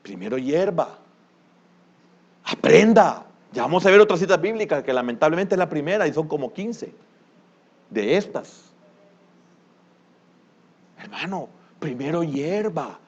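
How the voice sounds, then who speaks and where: An older man preaching a sermon as pastor, with a Salvadoran Spanish accent, who bursts into loud exclamations and then drops to a low murmur. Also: expressive, a little slow, long pauses, lo-fi sound.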